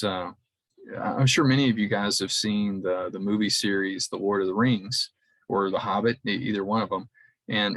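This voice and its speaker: A man preaching a conversational sermon in a church, halting often and repeating words as he restarts his sentences. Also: fairly low pitch, a bit bright, no echo, low-quality recording.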